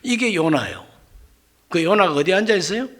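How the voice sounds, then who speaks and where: A middle-aged male pastor preaching a sermon, acting out dialogue with loud exclamations and quiet asides. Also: high-pitched, expressive, normal speed.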